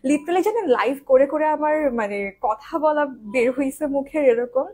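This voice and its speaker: Hoarse, loud-talking woman doing makeup live. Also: sits high, lively intonation, moderate pace. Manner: talks loudly, habitually projecting her voice. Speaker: makeup artist hosting a live stream. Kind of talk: casual live-stream chat during a makeup tutorial.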